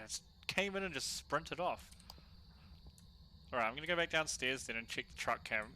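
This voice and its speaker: A man doing casual solo gameplay commentary, chatty and slangy as he thinks out loud. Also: mid-range voice, a little hiss or hum, low-quality recording. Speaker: gaming streamer.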